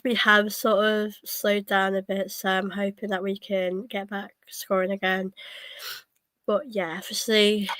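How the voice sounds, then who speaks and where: A young woman with a cold, coughing now and then, hosts a fan watchalong and talks through the match casually, full of ums and restarts. Her mid-range voice is a bit bright, with no room sound. The chatty, hesitant delivery suits casual live match commentary.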